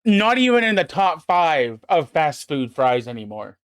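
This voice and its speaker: A livestream host with a notably high, clear, resonant voice chats casually, ranting emphatically and swearing freely, very animated yet unhurried. The recording is close and dry with almost no room around it.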